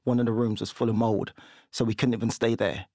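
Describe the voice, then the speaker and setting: Fast-talking guy, raspy and gravelly, tells stories and laughs a lot. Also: medium pitch, no echo, clean studio sound. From London, England. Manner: lively, laughs often while telling stories. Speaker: guest, property investor. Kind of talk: casual storytelling in a podcast interview.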